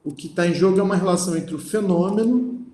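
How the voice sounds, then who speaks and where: Reading philosophical passages aloud and then explaining them, this lecturer speaks quickly in a high-sitting voice with a dark tone, amid noticeable reverb. He keeps checking in with his audience, tossing in "né?" often and restarting phrases.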